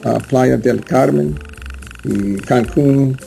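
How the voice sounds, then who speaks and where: An American man, a native English speaker from the United States, is a guest in a casual interview chat and speaks learner Spanish with an American English accent. He talks haltingly and hesitantly, with many fillers and restarts. His mid-range voice is gravelly and warm, with slight background noise in the recording.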